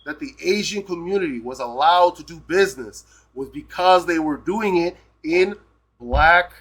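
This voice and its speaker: Peruvian-born male streamer; emphatic, rambling rant delivery; bright, tense voice. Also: a little high, expressive, moderate pace, breathy edge. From Peru. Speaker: live streamer. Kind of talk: casual rant.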